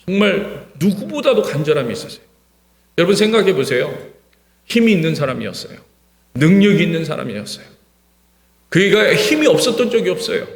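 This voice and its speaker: A male pastor preaching an impassioned sermon in a church, repeating words for emphasis and swinging from hushed to shouting. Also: high-pitched, sing-song, a little fast, pauses often. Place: church sanctuary. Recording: reverberant church hall.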